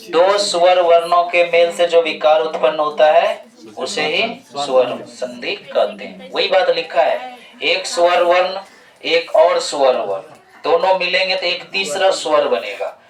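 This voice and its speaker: A male teacher works through a grammar lesson at a deliberate, unhurried pace, repeating each rule and firing questions at his class. His voice sits a little high for a man. He is picked up from across an echoey classroom. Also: recorded from a distance. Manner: slow, repetitive explaining, quizzing students. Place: classroom with students.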